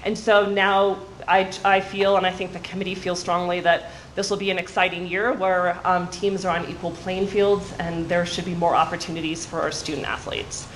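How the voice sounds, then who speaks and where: Speaking to a seated audience of coaches and athletic directors in a large meeting room, this state athletic association presenter has a lowish voice and a flat delivery at a moderate pace, hardly pausing. She stays friendly and informative, with plenty of ums. The recording, made by a distant camera at the back, is poor and carries slight background noise.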